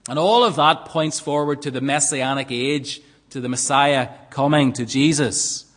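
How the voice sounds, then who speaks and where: A man's voice: mid-range voice, normal speed, fairly bright tone. A man preaching a sermon in an earnest, emphatic way, often asking rhetorical questions. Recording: long reverb of a large hall.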